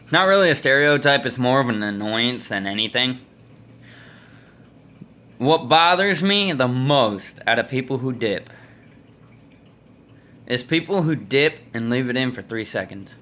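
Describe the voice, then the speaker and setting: His mid-range voice comes across pushed and bright, animated yet unhurried, with long pauses. He's an American man in his twenties, casually rambling through opinionated, folksy stories to a phone at arm's length in a small room.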